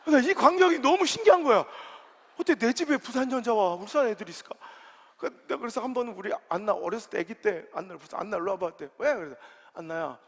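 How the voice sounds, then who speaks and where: High-pitched gravelly pastor in a reverberant church. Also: male voice, fast talker. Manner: swings from loud, excited exclamations to quiet, low confiding. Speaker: senior pastor. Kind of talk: animated storytelling sermon. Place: large church sanctuary. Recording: long hall reverb.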